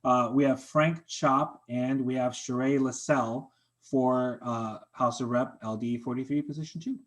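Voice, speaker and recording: A man chairing a members' meeting over a video call, running motions and votes in a brisk, polite, procedural way. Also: medium pitch, fairly even intonation.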